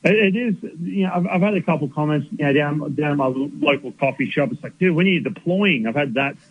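A man with an Australian accent, a baseball analyst calling in to a sports radio show, chatty and quick to laugh. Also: on the high side, no echo. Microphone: phone call. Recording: tinny phone line.

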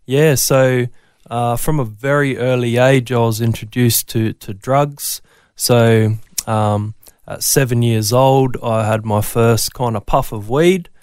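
Aussie bloke, queensland accent, smooth mid voice, informal and a bit halting, telling his story in an interview, dry sound. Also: medium pitch, steady tone, darkish tone, no room sound. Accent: Queensland Australian. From Brisbane, Australia. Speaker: interview guest. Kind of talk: casual personal testimony in interview.

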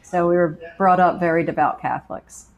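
In lo-fi sound, a woman from Pennsylvania recounts her life on a faith show, earnest and full of anecdotes, repeating words as she restarts her sentences. Her voice is fairly low and steady, moving fairly quickly in conversational testimony.

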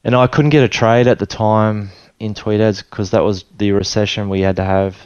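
As a guest in a casual storytelling interview, a lowish, resonant Australian man in his forties recounts his own story in a relaxed, rambling way, often stopping and restarting sentences. His tone barely rises or falls, at a moderate pace. The sound is clean and dry but slightly dull, like a remote line from home.

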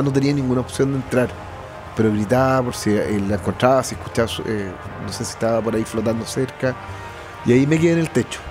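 Chilean guy telling his own story, stops and restarts a lot, regular pitch. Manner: halting, restarts mid-phrase. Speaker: interviewee. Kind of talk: personal testimony.

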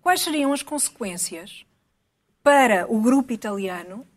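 A woman with a European Portuguese accent co-hosts a loose panel talk. Her voice sits a little high, and her humor runs dry and ironic. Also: expressive, unhurried. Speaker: talk show co-host. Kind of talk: casual panel chat.

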